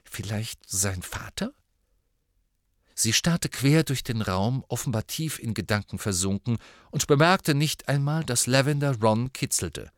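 A man narrating an audiobook in a lively, expressive storytelling manner. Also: mid-range voice, moderate pace, no room sound, clean studio sound. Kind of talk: scripted narration.

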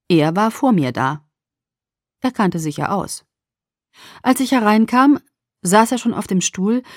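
A woman narrating a novel in the first person, measured and clear. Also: medium pitch, a little mellow, no echo, clean studio sound. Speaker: audiobook narrator. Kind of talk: scripted narration.

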